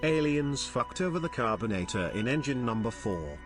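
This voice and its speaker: A man's voice: mid-range voice, sing-song, normal speed, music in the background. A man voicing a jokey rocket pilot who radios Earth over walkie talkie in trucker-style radio lingo. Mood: goofy bravado.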